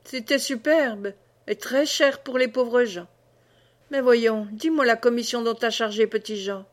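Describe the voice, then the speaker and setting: Brief: woman reader doing a subdued young peasant man, low and quiet, storybook reading. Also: measured pace, lightly acted. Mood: wary.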